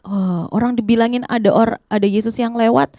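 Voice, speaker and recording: Irritated townsfolk, played by a woman, snap at someone to be quiet. The voice is a little high and sharp with impatience. It sounds dry and close. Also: steady tone, brisk, no echo, lightly acted. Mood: scolding. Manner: scolding, impatient. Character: annoyed townspeople hushing a beggar.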